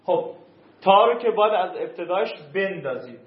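A man's voice: high voice, expressive. A male teacher giving a classroom grammar lesson, drilling verb forms and quizzing his students. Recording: dull, roomy classroom recording.

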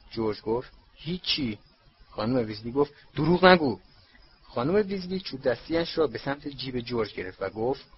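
A man's voice: medium pitch, a little hiss or hum. Man reading a storybook, lo-fi sound. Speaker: audiobook narrator. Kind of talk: storybook narration. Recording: dull lo-fi recording.

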